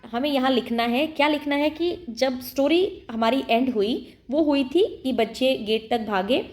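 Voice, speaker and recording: A woman teaching a primary school English lesson, speaking with an Indian accent. She explains patiently, reading English lines slowly and then translating them. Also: on the high side, darkish tone.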